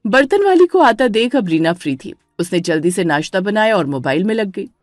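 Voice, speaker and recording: A woman narrating a family drama story with lively storytelling. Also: medium pitch, a little fast, no room sound, studio quality, faint music behind. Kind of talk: scripted narration.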